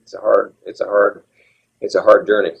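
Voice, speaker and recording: Older guy in his 70s, kinda low husky voice, muffled lo-fi audio, earnest and reflective. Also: flat delivery, normal speed. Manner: earnest, reflective, frequent restarts. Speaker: guest. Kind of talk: candid interview talk. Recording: dull lo-fi audio.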